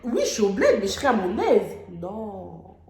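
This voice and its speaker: A woman's voice: mid-range voice, wildly swooping pitch, normal speed, creaky, crowd noise. Young woman telling a dramatic story. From France. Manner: emotional, dramatic storytelling with slang. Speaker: vlogger. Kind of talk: storytime vlog. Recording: echoey room.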